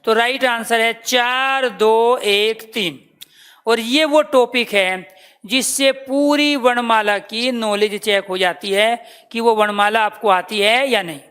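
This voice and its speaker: A woman's voice: on the high side, slow pace, a bit bright, clear, resonant tone. A woman teaching a live online exam-prep class as a language teacher. She keeps quizzing her students and repeating terms, and calls them "dear children". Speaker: Hindi teacher.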